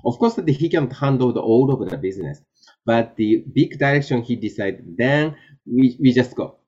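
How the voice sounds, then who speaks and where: A man from Japan, a Japanese native speaker, answering interview questions in halting English with many fillers and restarts. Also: mid-range voice, animated, a little mellow, breathy edge. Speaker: guest, tech executive. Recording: dull lo-fi sound.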